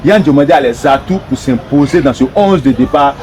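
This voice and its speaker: A man's voice: medium pitch, expressive, brisk, darkish tone. A man hosting a football debate show, introducing guests and posing long, formal questions. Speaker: host. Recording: noisy background.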